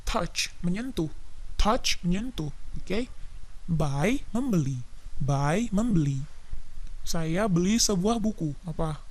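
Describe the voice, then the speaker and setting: Slow-drilling female English teacher. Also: lowish voice, expressive, a little mellow. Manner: slow, repetitive drilling, stresses plosive sounds. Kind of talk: vocabulary drill lesson.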